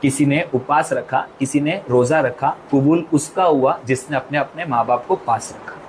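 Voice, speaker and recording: Guy putting on a proud old lady english teacher, slow and stern, kinda high voice, bit of hiss behind. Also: fairly bright tone, low-quality recording. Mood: grave. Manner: slow, deliberate, stern English with Hindi mixed in. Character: proud sharp-tongued old retired woman English teacher.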